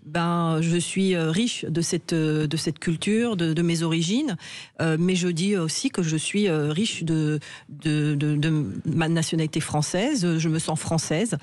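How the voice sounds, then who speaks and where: A woman from France speaking as a guest in a radio interview. Her voice sounds dry and close, with no room in it. She talks haltingly, repeating words while she searches for the next phrase. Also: deep voice, darkish tone, no echo. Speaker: guest, activist.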